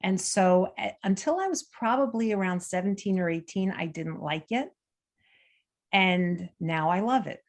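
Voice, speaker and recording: A middle-aged American woman whose first language is Armenian speaks as a guest in a conversational interview. Her medium-pitched voice is animated but measured in pace, and she talks freely and chattily, full of fillers and restarts.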